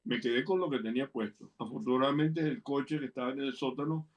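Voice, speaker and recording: A man's voice: medium pitch, fast talker, recorded from a distance. An older man with a Venezuelan accent, a guest telling personal anecdotes in a playful way, acting out the voices of the people in his stories. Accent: Venezuelan Spanish. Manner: playful storyteller, acts out quoted voices. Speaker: guest, interviewer's father. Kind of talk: anecdotal storytelling.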